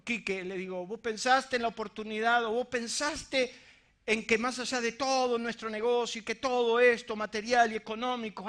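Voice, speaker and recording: A middle-aged man with a Rioplatense Spanish accent preaching a sermon to a congregation, swinging from shouts to hushed lines. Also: high-pitched.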